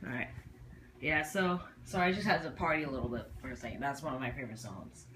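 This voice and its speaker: A hobbyist with a mid-range, feminine-sounding voice talks through a show-and-tell casually, hesitantly and with plenty of rambling. The amateur recording, made at home, carries a lot of noise.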